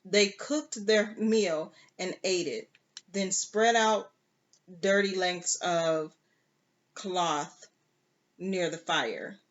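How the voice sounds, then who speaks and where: A storybook reader reading a novel aloud, halting now and then with fillers and self-corrections and adding casual asides. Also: medium pitch, dull audio.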